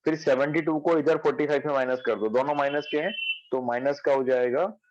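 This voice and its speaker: A man's voice: medium pitch, steady tone, brisk, darkish tone, muffled recording, a little hiss or hum. Man teaching math step by step. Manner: explains step by step, checks understanding. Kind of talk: online class lecture. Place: at home.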